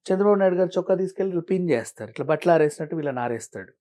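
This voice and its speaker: A man answering as an interview guest, arguing his point with a stream of pointed rhetorical questions and shifting from calm explaining to heated. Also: on the high side, racing. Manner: argumentative, fires rhetorical questions. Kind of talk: studio interview.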